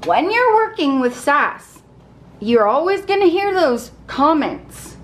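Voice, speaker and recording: Holding a handheld camera at arm's length in her home kitchen, a woman in her thirties vlogs her meal prep, talking cheerfully and casually to viewers. She speaks slowly in a high, sing-song voice, and there's a little background noise.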